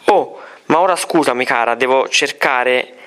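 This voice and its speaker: A woman's voice: rumbling low, unhurried, fairly bright tone. A man voicing a fussy, effusive middle-aged schoolteacher in a storybook reading. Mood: gushing. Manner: effusive, then flustered and stammering.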